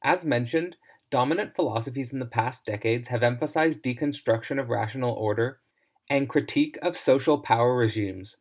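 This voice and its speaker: A man narrating a scripted philosophy lecture in a measured, formal reading voice. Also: medium pitch.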